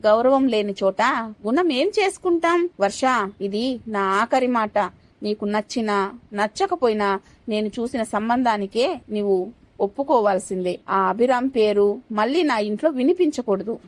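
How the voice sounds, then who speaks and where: Storybook drama: a woman playing a haughty wealthy mother, domineering and scornful, pitched a little high. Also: lively intonation, normal speed, no echo, natural voice. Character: arrogant status-proud rich middle-aged mother.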